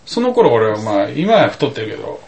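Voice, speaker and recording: A man's voice: medium pitch, sing-song, fairly quick, darkish tone, poor audio. A man telling a rambling anecdote in casual chat, full of asides and comic emphasis. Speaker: storyteller.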